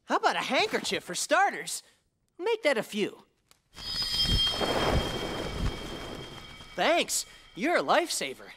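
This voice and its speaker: A man's voice: very high-pitched, wildly swooping pitch, moderate pace, bright, forceful tone, a little hiss or hum, full character voice. An actor playing a cocky young male hedgehog hero in a video game, casual, flippant and wisecracking. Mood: breezy. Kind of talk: video game cutscene acting.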